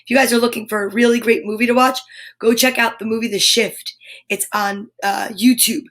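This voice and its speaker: Brief: cheerful, encouraging woman host, slightly high voice, casual live chat. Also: steady tone, a little fast, fairly bright tone. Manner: upbeat, encouraging, affirmations. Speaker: children's story time host. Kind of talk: live-streamed casual pep talk.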